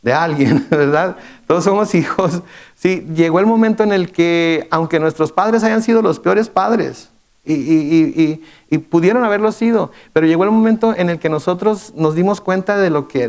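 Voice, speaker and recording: A man delivering a midweek sermon, his voice sitting a little higher than most men's. He talks to his congregation conversationally, firing off rhetorical questions and often stumbling into repeated words before pressing on. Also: moderate pace, darkish tone. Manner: repeats words and restarts with fillers. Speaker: pastor.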